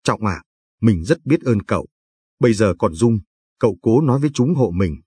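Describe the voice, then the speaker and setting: A man reading the part of a weakened, gentle young man who speaks softly and hesitantly, in an audiobook narration. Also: lowish voice, expressive, normal speed, husky, no echo. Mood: gentle weary. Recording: dry, faint background music.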